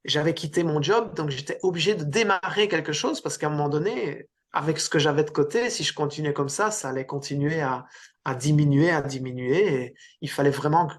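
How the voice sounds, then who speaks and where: A man's voice: fairly high pitch, a little fast. A middle-aged man from Belgium, a coach talking about his career in a casual interview, hesitant with frequent restarts. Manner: hesitant, many restarts and fillers. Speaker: coach and speaker, interview guest.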